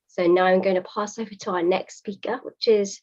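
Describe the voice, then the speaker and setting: A woman's voice: mid-range voice, fairly even intonation, a little fast, a little mellow. A woman moderating an online panel, polite as she thanks and introduces speakers. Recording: dull lo-fi video call audio.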